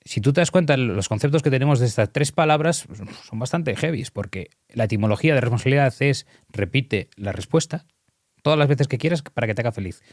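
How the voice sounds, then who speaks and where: A man's voice: mid-range voice, lively intonation, brisk, a little mellow, dry recording, studio quality. Earnest man coaching. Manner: earnest, explanatory, emphatic. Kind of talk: conversational coaching, guiding an exercise.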